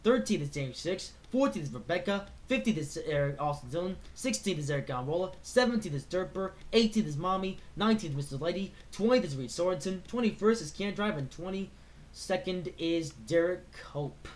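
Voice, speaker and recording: A man calling a race as commentator, excitable and tripping over names before correcting himself. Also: high-pitched, a little fast.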